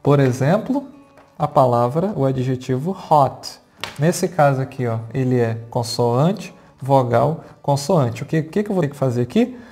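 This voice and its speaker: A teacher with a Brazilian accent explains grammar at a whiteboard. They talk patiently, check in often with the class and spell out the key words slowly. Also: mid-range voice, lively intonation, warm tone, faint music behind. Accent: Brazilian Portuguese. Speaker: English teacher.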